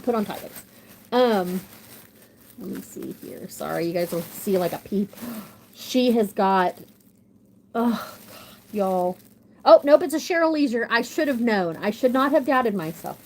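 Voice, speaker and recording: Excitable woman, casual livestream host, gushing and scattered. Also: fairly high pitch. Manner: gushing, excitable, rambling with many restarts. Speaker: model horse collector hosting a livestream.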